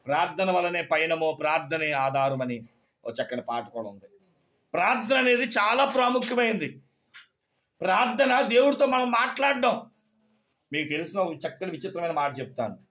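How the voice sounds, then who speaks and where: High-voiced male pastor preaching. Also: sing-song, moderate pace, pauses often, a bit bright. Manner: storytelling, asking the congregation questions. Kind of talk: sermon.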